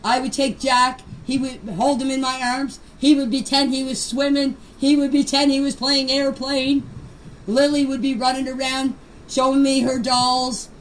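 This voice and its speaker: The recordings are noisy amateur voice messages in which an older woman with a high voice and little pitch movement talks at normal speed. She gives her own account without a script, defensively and emphatically, repeating phrases for emphasis.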